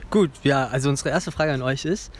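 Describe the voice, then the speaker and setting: A man hosts a festival radio program, reading his introduction in a calm, even way. His voice sits at an ordinary middle pitch. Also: brisk.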